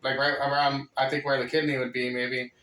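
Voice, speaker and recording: Flat-voiced man, uneasy, far off. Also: medium pitch, fairly quick, echoey room. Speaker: paranormal investigator using a spirit box. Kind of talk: paranormal session.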